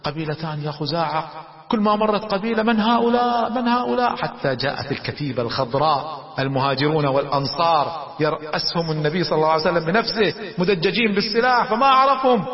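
A man telling religious history as a lecture, dramatic and animated. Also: a little high, fast talker. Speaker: religious storyteller. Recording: dull recording with long reverb.

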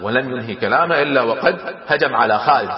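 A man telling a historical battle story, lively and dramatic, at a quick pace. His voice rings in an echoey hall with a long tail and sounds dull and lo-fi. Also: medium pitch.

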